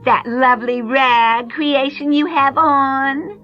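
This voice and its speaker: A woman voicing a spiteful young stepsister who sneers in a slow sing-song. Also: sits high, fairly even intonation, muffled recording, faint music behind. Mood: sneering.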